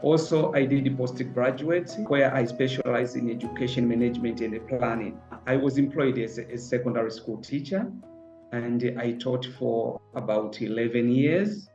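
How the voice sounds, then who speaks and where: A middle-aged man, a school founder speaking in a measured, earnest way with frequent pauses. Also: mid-range voice. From Tanzania. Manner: measured and earnest, pausing often on fillers. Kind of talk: reflective interview testimony. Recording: roomy, slightly dull with soft music.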